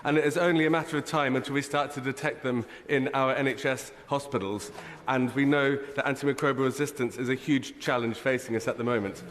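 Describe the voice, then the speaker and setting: A man's voice: medium pitch, steady tone, brisk. A man delivering a formal, prepared question as a member of parliament. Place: large indoor parliament chamber. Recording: reverberant chamber, faint noise.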